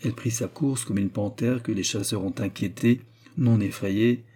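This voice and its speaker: A man narrating a classic novel as an audiobook with a steady storytelling delivery. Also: lowish voice, normal speed, husky.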